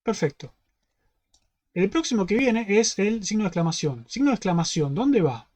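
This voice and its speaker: A man with a fairly high voice and a Rioplatense Spanish accent, walking students through a problem in an online class. He goes step by step and keeps asking whether they follow. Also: animated, moderate pace, a little mellow. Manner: step-by-step, constantly checking in with "¿sí?". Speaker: university teaching assistant.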